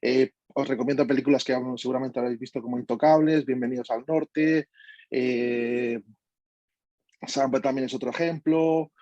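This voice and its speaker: A young man from Colombia, an audience member asking a question, speaking haltingly with many restarts. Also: medium pitch, steady tone, dark tone, no echo. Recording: dull, dry sound.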